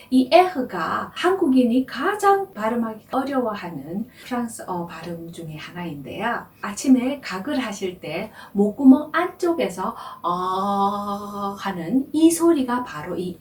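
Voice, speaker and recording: A woman teaching French, explaining pronunciation slowly and carefully. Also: medium pitch, big pitch swings, a little mellow, echoey room, recorded from a distance. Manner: slow, careful explanation with drawn-out demonstration words. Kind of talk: language lesson.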